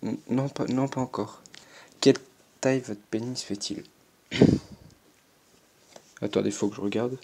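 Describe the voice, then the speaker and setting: A man's voice: mid-range voice, fairly even intonation, measured pace, creaky, long pauses, noisy background. A fourteen-year-old boy reading quiz questions aloud and answering them, hesitant and self-mocking, with lots of stammering and fillers. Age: teenager, 14. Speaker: YouTuber answering an online quiz.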